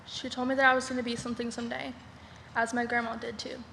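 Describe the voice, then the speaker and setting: A young woman reading a prepared speech from a podium, steady and earnest. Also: a little high, quick pace, gravelly. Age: young adult. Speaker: honoree giving a speech. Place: large banquet hall. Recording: hall reverb with faint noise.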